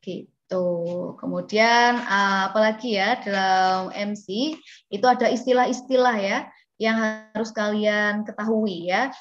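A woman's voice: medium pitch, fairly even intonation, measured pace. A woman leads an online lesson on being a master of ceremonies. She explains in a loose, conversational way, full of fillers and questions to the class. Her voice comes through a muffled, lo-fi call connection. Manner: conversational teaching with many fillers and rhetorical questions. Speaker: MC skills trainer. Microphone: video call.

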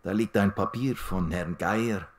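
A man voicing an elderly innkeeper woman in an audiobook for German learners, high and fussing. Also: unhurried. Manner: high, sing-song fussing.

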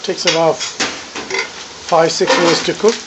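A man giving casual, halting live commentary with fillers while a chef cooks in a restaurant kitchen. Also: a little high, fairly even intonation. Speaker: cooking video narrator. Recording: dull lo-fi audio with loud kitchen noise. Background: pans sizzling and clattering.

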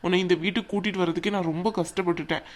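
A woman voicing a young husband in an animated cartoon, caught between his mother and his wife, talking in a coaxing, placating way. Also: fairly low pitch, racing, lightly acted.

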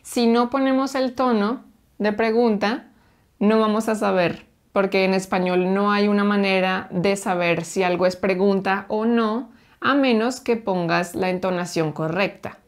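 Slow, patient Spanish teacher woman. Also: medium pitch, fairly even intonation. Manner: patient, slow, stresses each syllable. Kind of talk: slow, clear language drill.

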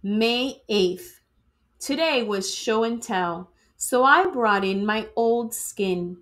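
A woman reads a children's storybook aloud, expressive and dramatic like a teacher with her students. Her voice is fairly high and her pace slow.

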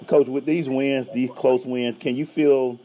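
A man interviewing a coach after a game, asking halting questions and saying "right" often. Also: medium pitch, fairly even intonation, dark tone. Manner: halting questions, frequent short "right" backchannels. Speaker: sports interviewer.

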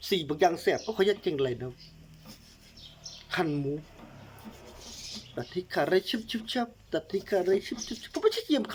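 A man's voice: high-pitched, a little mellow, slight background noise. Joking man with a lilt. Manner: playful, teasing, sing-song silly sound effects. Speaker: vlogger cooking and joking on camera. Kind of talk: joking casual monologue.

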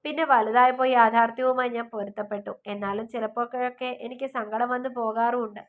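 A woman's voice: fairly high pitch, fairly even intonation, fast, natural voice. A woman reading a wistful younger sister. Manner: sad and reflective.

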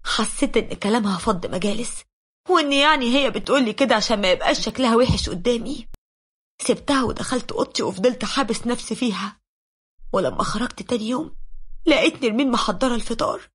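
A woman's voice: on the high side, animated, quick pace, fairly bright tone, husky. A woman with an Egyptian accent narrating a man's first-person story. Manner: voices a 37-year-old man's story, angry outbursts in quotes.

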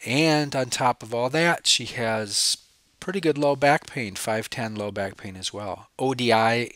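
A professor with a cold, sniffling a little, gives a recorded slide lecture on spine cases, posing questions to the listener and then answering them himself. His voice is mid-range and a bit bright, at a measured pace. There's no room sound.

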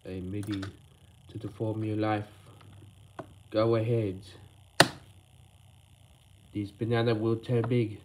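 A man voicing all the characters in a homemade toy animation, with halting, rambling delivery full of word slips. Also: on the low side, little pitch movement, background noise. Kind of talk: homemade toy stop-motion voice acting.

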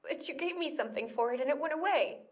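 High-pitched, frightened woman patient. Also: lively intonation, fast talker, distant mic. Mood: pleading. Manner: pleading, distressed. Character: frightened, pleading young pregnant female patient. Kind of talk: video game voice acting.

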